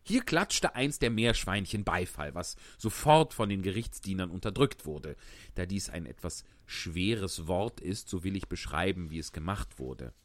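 A man's voice: sits low, lively intonation, a little slow, no echo. A man reading a story aloud, narrating it expressively. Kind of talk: audiobook reading.

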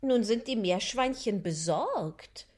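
Man voicing Alice in a high falsetto. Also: expressive, takes it slowly, a little mellow, full character voice. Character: Alice, a polite little girl. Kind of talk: audiobook reading.

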